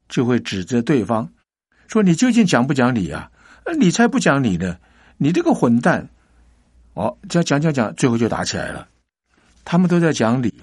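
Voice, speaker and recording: A man telling a moral story in a lively, chatty way, with many rhetorical questions to the listener. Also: medium pitch, no room sound, studio quality. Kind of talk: radio storytelling.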